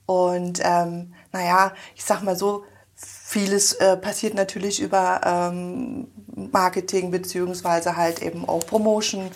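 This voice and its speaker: A woman's voice: fairly low pitch, level tone, measured pace. A woman in her forties from Berlin, chatting in an interview in a small office and rambling with many fillers. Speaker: guest. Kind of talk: casual interview chat.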